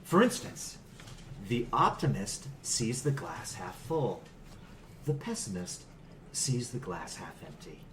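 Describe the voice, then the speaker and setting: A man's voice: mid-range voice, very animated, measured pace, slight background noise. A man hosting a comedy movie-review podcast, talking in a mock-earnest, joking way and often laughing. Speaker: podcast host.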